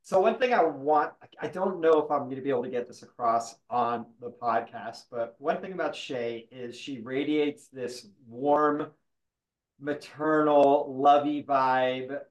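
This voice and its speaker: A man's voice: mid-range voice, unhurried, lo-fi sound. A man from the American South hosting a casual podcast chat, teasing his guest in an easygoing way. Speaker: podcast host.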